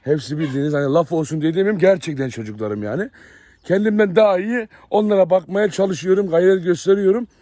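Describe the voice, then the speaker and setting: A man from Turkey with a high, mellow voice walks around his outdoor dog yard and kennels, chatting casually to the camera. He's a dog breeder vlogger who talks a lot and often speaks directly to viewers.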